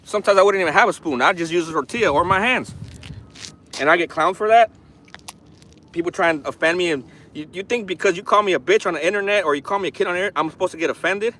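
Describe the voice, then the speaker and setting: An RC hobby vlogger in his forties chats on a phone livestream outdoors near an orchard, rambling and frank, swearing freely with tough talk. His high-pitched, slightly bright voice moves at a quick pace, with slight background noise.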